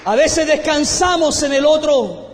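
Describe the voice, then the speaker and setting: Male Chilean pastor, impassioned high-pitched shouting delivery, reverberant hall with music behind. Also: a little slow, a little hiss or hum. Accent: Chilean Spanish. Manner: impassioned, often shouting praise. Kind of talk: fervent preached sermon.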